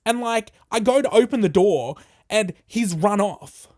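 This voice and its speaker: A podcast host, telling a story casually in a profane, animated and jokey way. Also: medium pitch, a little slow.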